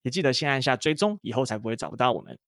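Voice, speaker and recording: A man's voice: medium pitch, sing-song, a bit bright, dry recording. Taiwanese man hosting, close and dry. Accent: Taiwanese Mandarin. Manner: measured, careful questions in English. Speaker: podcast host. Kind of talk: scripted intro, then interview questions.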